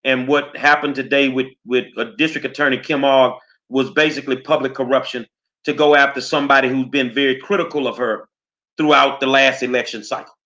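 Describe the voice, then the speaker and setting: A man's voice: medium pitch, steady tone, brisk, bright, forceful tone. A man co-hosting a political talk show, fired up, firing off rhetorical questions in blunt slang. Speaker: co-host. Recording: slightly dull, lo-fi line.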